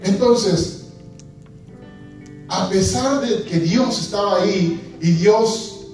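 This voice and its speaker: A man with a high, slightly mellow voice preaches extremely slowly to a congregation in a church hall, with soft music in the background. He asks questions and acts out scenes from scripture, heard from a distance in an echoey recording.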